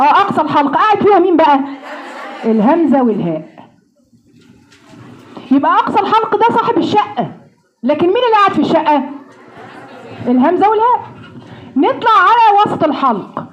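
A woman with an Egyptian accent teaching Quran recitation, drilling sounds slowly and joking with homely comparisons. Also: high voice, lo-fi sound. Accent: Egyptian Arabic. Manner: playful, homely comparisons, slow drawn-out model sounds. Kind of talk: pronunciation lesson with drills.

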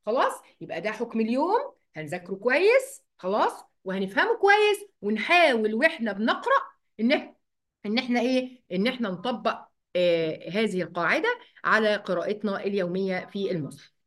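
A woman with an Egyptian accent teaching an online Quran recitation lesson. She explains each rule step by step, asks the class questions, and draws the recited words out slowly. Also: medium pitch, very animated, fairly bright tone. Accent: Egyptian Arabic. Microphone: computer mic, writing with a mouse.

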